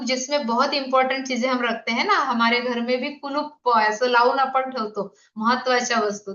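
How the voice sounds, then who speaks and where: High-voiced woman health coach in her fifties. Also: pushed and bright. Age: 50s. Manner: explanatory, asks the audience questions. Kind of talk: online health presentation. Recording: echoey, dull lo-fi room sound.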